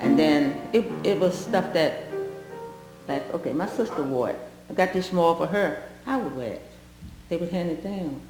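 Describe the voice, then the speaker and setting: A woman's voice: low-pitched, expressive, normal speed, reverberant, in a large hall, over music, poor audio. A woman in her sixties, a former pupil, chatting fondly about growing up and laughing as she tells it. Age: 60s. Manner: chatty, laughs while telling. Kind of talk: oral history reminiscence.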